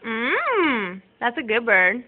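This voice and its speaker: A woman's voice: a little high, huge pitch swings, slow, phone-quality sound. A woman chatting with her pet parrot, coaxing and teasing it in a sing-song way and swearing casually, recorded on a phone. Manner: coaxing, sing-song repeated goodbyes to a bird. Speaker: pet owner.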